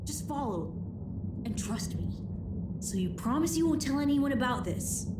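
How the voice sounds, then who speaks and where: A woman's voice: high voice, expressive, fairly quick, very noisy. A woman voicing a curious, mischievous young schoolboy in a video game, speaking casually and conspiratorially with a touch of world-weariness. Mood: hushed, secretive. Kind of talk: video game character dialogue. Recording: music behind the voice. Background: clear music.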